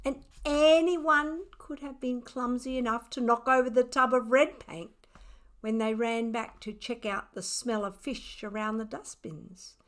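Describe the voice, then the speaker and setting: A woman with a slightly high voice plays a smug, defiant tomcat in an expressive reading of a children's storybook. The pet offers indignant excuses with mock innocence.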